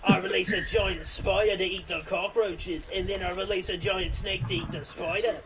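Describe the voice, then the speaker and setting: A brash, crude outback Australian bloke, as a man puts him on brags loudly in over-the-top bluster. His voice is a little raised and gravelly, and a noisy voice-chat mic hisses behind him. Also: high voice, fairly even intonation, moderate pace. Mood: boastful. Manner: loud exaggerated mock Australian bluster with 'crikey' and 'mate'.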